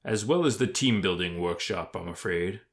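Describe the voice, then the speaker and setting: A narrator voicing a courteous, formal lord in a comic storybook fantasy, speaking without hurry. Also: deep voice. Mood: apologetic. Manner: slow, formal, unhurried. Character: slow, stately, courteous lord chairing a council.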